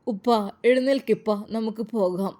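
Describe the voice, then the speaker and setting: A woman's voice: on the high side, normal speed, dark tone, lightly acted. A woman voicing a tearful young son who pleads with his father in a trembling voice.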